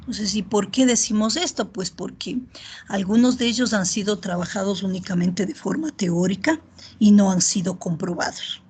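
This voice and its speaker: Woman lecturer, middle-aged, slightly breathy voice, patient online-class delivery. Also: mid-range voice. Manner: checks in often with "¿ya?" and "¿verdad?"; steady explanatory pace with filler pauses. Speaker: university lecturer.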